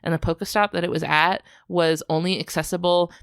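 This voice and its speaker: A woman's voice: fairly low pitch, fairly quick, clear, resonant tone, dry recording, clean studio sound. A woman co-hosting a podcast, chatting casually and telling a story with lots of laughter. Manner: animated storytelling, laughs often. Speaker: podcast co-host. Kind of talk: casual chat.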